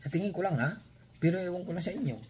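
A man's voice: sits high, racing, a little mellow, slight background noise. A man from the Philippines hosting his channel, giving casual reaction commentary on a news story in a rambling, chatty way with many hesitations and rhetorical asides. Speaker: channel host.

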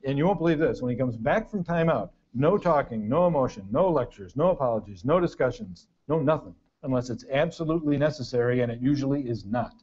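A man's voice: mid-range voice, expressive, quick pace, few pauses, a little mellow, breathy edge. An older man giving a humorous parenting lecture to an audience, with a dry storytelling delivery and punchy lists. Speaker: parenting workshop speaker. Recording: dull lo-fi recording of a talk.

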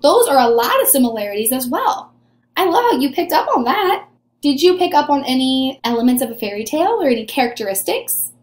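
A brisk, sing-song, high-pitched voice belongs to a young woman in her twenties who teaches early elementary grades. Her animated read-aloud for small children is encouraging, built on questions she answers herself as if the class had replied. The sound is reverberant, from a webcam or camera at desk distance in a small room.

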